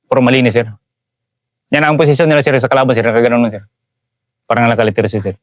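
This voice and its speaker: A man's voice: medium pitch, steady tone, quick pace, no echo, studio quality. A Filipino man, a soldier, recounting a combat ambush in an interview, respectfully adding "sir" to nearly every phrase. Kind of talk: interview storytelling.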